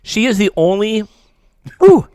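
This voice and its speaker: A man talks casual sports in a slightly high voice, recorded close and dry. His mouth is burning from spicy food, so he halts, stammers and struggles to get sentences out. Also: sing-song, mellow, smooth, dry recording. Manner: halting, stammering. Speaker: sports editor, guest.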